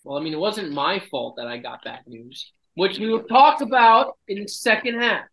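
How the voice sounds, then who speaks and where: A man's voice: high-pitched, normal speed, creaky, a bit bright, low-quality recording. A man hosting a casual podcast chat, brash and joking, swearing often, while feeling sick and nauseous. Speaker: podcast host.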